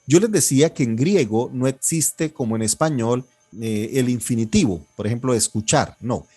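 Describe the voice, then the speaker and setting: A man leads an online Koine Greek lesson, his voice sitting at an ordinary pitch. He talks patiently and methodically, repeating words so students can follow and echo them. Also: moderate pace, warm tone, husky. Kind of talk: online class, drilling pronunciation and explaining grammar.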